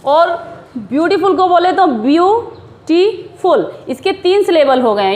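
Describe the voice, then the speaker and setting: Woman, grammar teacher, high voice, patient explaining, slight background hiss. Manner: explains patiently, slowing down to read English examples. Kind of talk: classroom-style grammar lesson.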